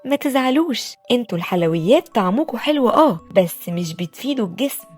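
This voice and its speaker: A woman with an Egyptian Arabic accent voicing a calm, wise and kind female apple in a children's bedtime story. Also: fairly high pitch, fast talker, breathy edge, faint music behind. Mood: gentle. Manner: gentle and patient, explaining.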